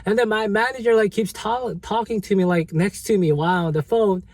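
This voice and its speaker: Male vlogger, slightly raised pitch, rambling storyteller, dry close sound. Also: steady tone, fairly quick, creaky, no room sound. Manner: rambling, many fillers and restarts. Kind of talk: casual storytelling vlog.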